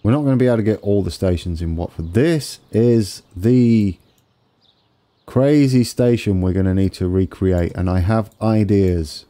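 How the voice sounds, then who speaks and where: A man with a low, mellow voice talks through a game build in a casual way. He sounds wheezy and congested. His delivery is tentative, as he thinks each step through out loud. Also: normal speed. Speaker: gaming video host.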